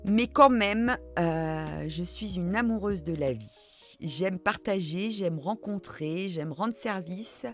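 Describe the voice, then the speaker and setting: Chatty low-voiced woman. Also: lively intonation, slow, faint music behind. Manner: chatty, self-deprecating, many hesitant fillers. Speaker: host of a reading channel. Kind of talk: casual chat answering viewer questions.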